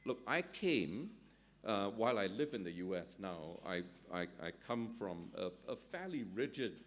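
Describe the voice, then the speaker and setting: Lower-voiced man with many fillers. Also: very animated, a little slow. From Singapore. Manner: hesitant, thinks aloud, many fillers, often ends with "right?". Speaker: conference panelist. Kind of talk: panel discussion at an economic summit.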